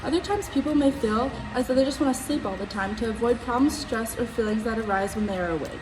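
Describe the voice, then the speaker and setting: A woman playing a calm, instructive psychiatrist sock puppet in a scripted educational skit, explaining things in a measured way. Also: fairly high pitch, lightly acted. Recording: roomy, distant mic, noisy background.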